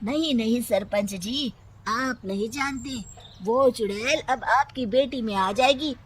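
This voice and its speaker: A woman's voice: a little high, takes it slowly, slight background noise. A woman voicing a sly young village man, emphatic and insistent, in a cartoon story.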